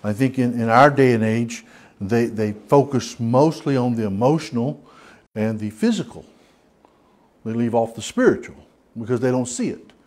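A man teaches an informal church Bible study in a church hall, with a Southern US accent and a folksy, rambling delivery full of restarts and fillers. His medium-pitched voice is a little mellow, with lively intonation at normal speed.

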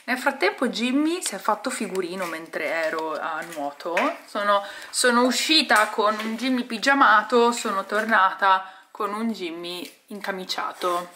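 A woman in her thirties narrating a casual cooking vlog in her home kitchen, chatty and animated, explaining each step as she goes. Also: medium pitch, measured pace, hardly any pauses, roomy sound, distant mic, a little hiss or hum. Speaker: vlogger.

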